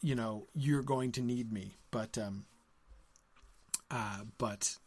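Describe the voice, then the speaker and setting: A man's voice: medium pitch, slow, darkish tone. A man hosting a live book discussion, answering viewers. He talks in a hesitant way, with many ums, and ends his points with "right?". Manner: reads passages aloud between comments. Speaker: host of a book discussion stream.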